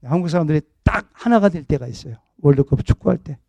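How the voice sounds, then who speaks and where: Gravelly, conversational Korean pastor preaching. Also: male voice, fairly high pitch, lively intonation, fast talker, dark tone, dry recording. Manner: jokey, conversational preaching with laughs. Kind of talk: sermon.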